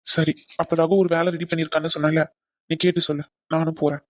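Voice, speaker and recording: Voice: mid-range voice, little pitch movement, fast talker, no echo, clean studio sound, lightly acted. Someone voicing an aggrieved pleading husband. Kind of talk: cartoon voice acting.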